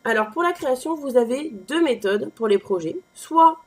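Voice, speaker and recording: A woman hosting a crafting tutorial, walking through a software page step by step with a conversational, explanatory manner and frequent fillers. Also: high voice, expressive, moderate pace, breathy edge. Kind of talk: screen-recorded software walkthrough.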